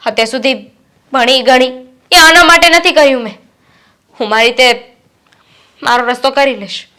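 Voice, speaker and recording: A woman acting as a young student daughter, resentful and determined, with a high voice. She scolds her father in firm, steady reproach. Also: normal speed, smooth. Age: young adult. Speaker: daughter studying to be a pilot. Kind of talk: Gujarati short-film acting.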